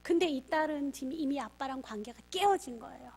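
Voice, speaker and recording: A middle-aged woman with a high voice delivers a parenting lecture as a pastor. She tells stories in a lively way and plays out the back-and-forth between parent and child herself. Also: brisk. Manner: lively storyteller acting out quoted family dialogue. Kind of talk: storytelling lecture for parents and teachers.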